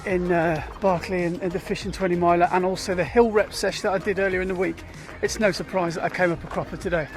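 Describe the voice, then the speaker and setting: A man's voice: sits high, fairly even intonation, fast, hardly any pauses, over music. A British man vlogging while running, tired and a bit dizzy, talking candidly and with self-deprecation. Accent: British English. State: tired and dizzy mid-run. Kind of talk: casual vlog narration.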